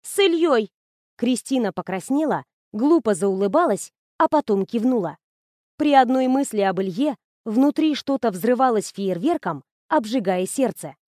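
High-voiced woman narrating an audiobook. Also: moderate pace, dry recording, clean studio sound. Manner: expressive, smooth storytelling.

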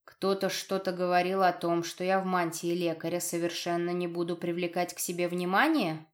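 A woman's voice: fairly low pitch, a little fast, darkish tone, pitched below the performer's own voice, close to an everyday voice. A woman voicing a cautious, skeptical young man disguised as a doctor, speaking dryly in a storybook. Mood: sarcastic.

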